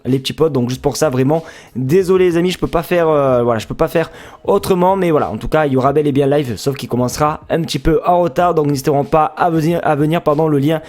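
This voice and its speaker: A young man hosts a football channel and talks through a pre-match analysis in a loose, casual way. He sounds chatty and friendly, filling his pauses with hesitations. His voice sits a bit higher than most men's. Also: darkish tone. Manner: chatty, friendly, many fillers.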